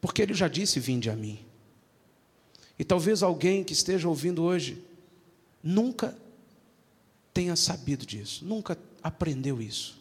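A man's voice: fairly high pitch, lively intonation, normal speed, slightly rough, in a large hall. A male preacher delivering a sermon with repetitive, emphatic phrasing.

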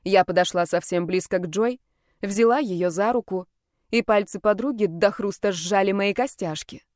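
A woman reading a first-person audiobook with an even, expressive delivery. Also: mid-range voice, moderate pace, no room sound, clean studio sound. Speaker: audiobook narrator.

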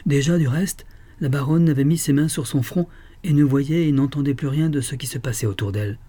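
A man narrating a nineteenth-century novel aloud in a measured, dramatic storytelling manner. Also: mid-range voice, mellow, breathy edge. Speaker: audiobook narrator. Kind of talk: scripted literary narration.

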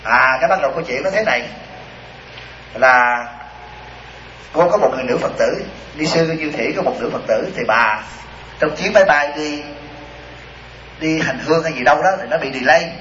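Animated monk preaching, roomy hall. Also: male voice, fairly high pitch, moderate pace, pauses often, a little hiss or hum. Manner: animated, acts out voices in stories, rhetorical questions. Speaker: monk giving a dharma talk. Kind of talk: sermon with storytelling. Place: retreat hall. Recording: dull roomy hall recording.

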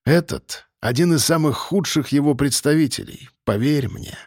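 A man's voice: a little high, normal speed, darkish tone, no room sound, clean studio sound, close to an everyday voice. A man voicing an elderly newspaper editor who is nervous but proud, his voice rising and shaking. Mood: grave.

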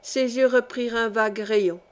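A woman narrating a historical novel as an audiobook, with measured, dramatic pacing. Her voice sits somewhat high. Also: fairly even intonation. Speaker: audiobook reader.

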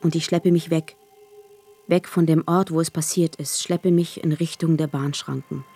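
An actress narrating in first person as a wounded, desperate young woman in a radio drama, speaking in halting, short, fragmented phrases. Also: low voice, steady tone, mellow, soft background music. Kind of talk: scripted radio drama monologue.

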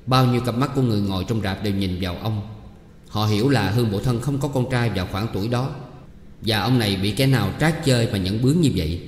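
A man narrating a story in a steady storytelling manner, in an echoey hall. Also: on the low side, fast talker, a little hiss or hum.

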